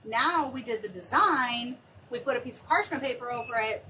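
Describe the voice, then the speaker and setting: A woman demonstrating a craft on a live stream, chatting excitably and thinking aloud as she works. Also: fairly high pitch, normal speed. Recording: distant mic with clear background noise.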